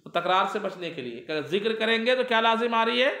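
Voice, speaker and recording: A man teaching a grammar lesson in a classroom. He reads Arabic text aloud slowly and asks his students questions, often answering them himself. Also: high-pitched, lively intonation, pushed and bright, reverberant.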